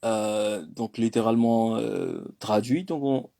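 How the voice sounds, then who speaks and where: A man teaches a relaxed spoken lesson at an unhurried, slow pace. He hesitates often, fills gaps and corrects himself. He repeats each word slowly so it can be practiced. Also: fairly low pitch, vocal fry. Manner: hesitant, many fillers and self-corrections. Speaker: language teacher. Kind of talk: casual spoken language lesson.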